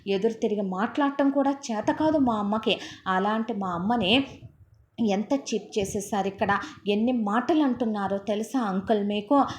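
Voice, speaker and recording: A woman's voice: medium pitch, darkish tone, a little hiss or hum, voice pushed up, natural voice. A woman voicing a teenage schoolboy who angrily lectures his stepfather, in a storytelling narration. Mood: reproachful. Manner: indignant, lecturing, rapid reproach.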